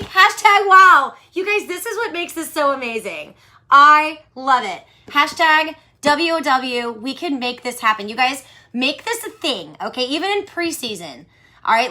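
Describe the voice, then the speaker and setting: A woman's voice: a little high, sharp tone. A woman in her thirties hosting a casual livestream, chatty and giggly, answering viewer questions and saying "like" a lot. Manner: chatty, giggly, says "like" often.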